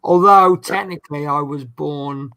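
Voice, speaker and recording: On a hobby build livestream, the host, a man from East Anglia with a Norfolk accent, chats and teases casually. His voice is on the high side, pushed and bright, with a clean tone and a measured pace.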